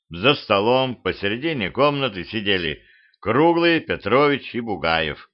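Low-voiced male audiobook narrator. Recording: dull lo-fi home recording.

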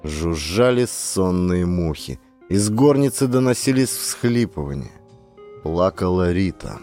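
A man narrating an audiobook in a measured storytelling manner. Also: deep voice, lively intonation, warm tone, soft background music. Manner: measured storytelling, voices the characters. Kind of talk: scripted narration.

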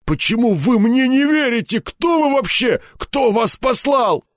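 A man's voice: lowish voice, huge pitch swings, measured pace, dark tone, breathy edge, dry recording, clean studio sound, heavily acted. A man voicing a stammering, cowardly police colonel. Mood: pleading. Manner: stammering, whining, pleading. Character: terrified male police colonel, cowardly, pleading.

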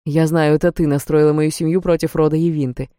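A stern demon lord with a lowered, firm voice, as a woman reading an audiobook puts him on. He speaks in clipped, resolute words, in warm, mellow tones. The sound is dry and close. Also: level tone, fairly quick, clear, resonant tone, dry recording, close to an everyday voice. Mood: accusing.

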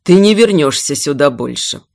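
Protective duke, grown man, low, steady, curt, voiced by a woman. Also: normal speed. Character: protective noble duke, strong and calm man.

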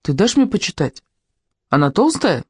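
A reader voicing Lyusya, a lively, impulsive young girl in an audiobook who exclaims and jumps from topic to topic. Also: medium pitch, normal speed, husky, dry recording, clean studio sound. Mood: chattering. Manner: excited, exclaiming, jumping between topics. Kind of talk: audiobook character reading.

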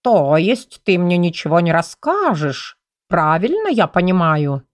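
A woman's voice: fairly low pitch, very animated, measured pace, dry recording, clean studio sound. Woman doing a sulky, drawling male house cat.

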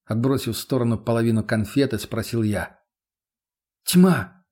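A man narrating an audiobook in the first person, gruff, blunt and deadpan. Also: medium pitch, fairly quick.

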